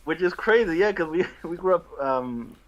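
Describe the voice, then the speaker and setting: A young Guatemalan musician, a guest on a video call, chats easily in a casual interview, laughing often and poking fun at himself. His voice is on the high side and animated, at a normal speed. The highs are cut off.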